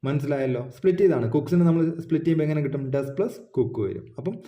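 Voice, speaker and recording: A man's voice: fairly high pitch, rapid-fire, dark tone. A middle-aged man, teaching an English grammar lesson patiently and often checking that listeners follow. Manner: patient, keeps checking understanding with short questions.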